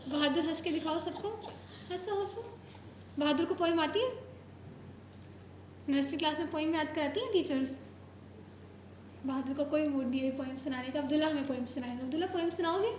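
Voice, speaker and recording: In a roomy, echoing recording with slight background noise, a woman from Pakistan hosts a show and interviews children in a casual chat, teasing them with questions in a playful, coaxing way. Her voice is high with a darkish tone. She talks a little fast but pauses often.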